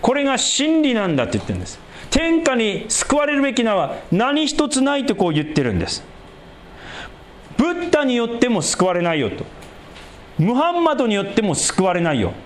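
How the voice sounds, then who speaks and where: High, lively-voiced male preacher. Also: a little hiss or hum. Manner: emphatic preaching, stretching key words slowly. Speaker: pastor. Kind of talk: sermon.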